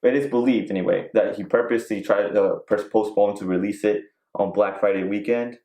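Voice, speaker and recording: Low-pitched male co-host, casual rambling chat, echoey room. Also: fairly even intonation, brisk, mellow. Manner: rambling, filler-heavy, joking. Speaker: podcast co-host.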